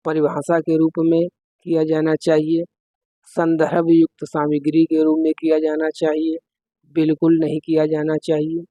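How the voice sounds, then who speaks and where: A man's voice: on the high side, mellow, no echo, rough recording. Hindi teacher man, close and dry. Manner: explains step by step, asks the listener questions. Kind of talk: exam-prep lesson going through quiz questions.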